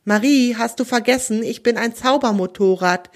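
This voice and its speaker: A woman voicing a calm, confident male magic motorcycle in a children's storybook. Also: fairly high pitch, moderate pace, lightly acted. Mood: reassuring. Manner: calm, reassuring.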